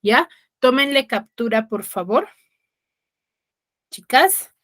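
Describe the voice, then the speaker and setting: A woman's voice: a little high, animated, takes it slowly, fairly bright tone. A woman teacher giving an online class over a video call, explaining patiently and often checking in with her students.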